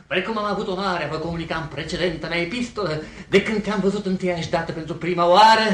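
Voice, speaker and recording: A man playing a pompous, flowery young suitor in an old radio play, grandiloquent and excitable. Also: high-pitched. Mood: ecstatic. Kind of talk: 1950s radio theatre acting. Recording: old radio theatre recording.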